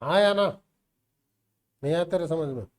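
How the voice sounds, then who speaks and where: A man's voice: a little high, normal speed. A man teaching a math class, coaxing and teasing students by name to check they understand. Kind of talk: classroom teaching, mixing Hindi and English. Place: classroom with online students joining.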